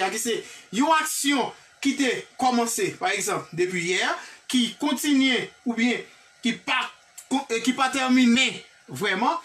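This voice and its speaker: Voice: mid-range voice, bright, forceful tone, recorded from a distance. A teacher with a Haitian accent giving a classroom grammar lesson, drilling example sentences one by one and checking in with the class. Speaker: English teacher.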